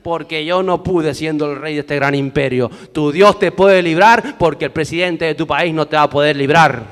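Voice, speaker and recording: A man's voice: fairly high pitch, moderate pace, fairly bright tone, in a large hall. A man preaching a sermon, emphatic and full of rhetorical questions to the congregation.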